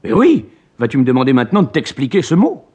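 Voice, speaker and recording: A man voicing an excitable, irascible old male professor in an audiobook, scolding and impetuous. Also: mid-range voice, fast talker, breathy edge, muffled recording, pitched above the performer's own voice. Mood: excited. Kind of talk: dramatized audiobook reading.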